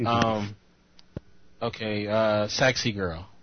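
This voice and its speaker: A man's voice: fairly low pitch, steady tone, drawn-out words, slight background noise. A man hosting a live radio-style call, joking loosely with his guests. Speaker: show host. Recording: dull lo-fi call audio.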